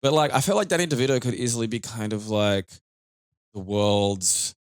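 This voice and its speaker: Male game commentator, lowish voice, casual, meandering delivery, dry sound. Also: smooth, dry recording. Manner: rambling, halting delivery. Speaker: gaming commentator. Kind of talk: casual gaming banter.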